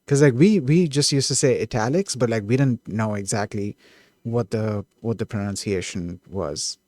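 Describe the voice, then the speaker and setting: A man streaming himself coding, thinking aloud, who gets excited and keeps correcting himself mid-thought. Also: on the low side, moderate pace, dry recording. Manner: excitable, self-correcting, trails off and restarts.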